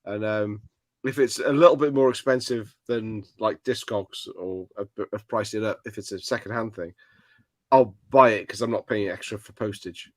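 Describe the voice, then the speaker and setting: A man's voice: fairly low pitch, normal speed, no room sound. A man co-hosting a casual livestream, joking and laughing often as he talks. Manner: laughs often, jokey interruptions. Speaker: co-host.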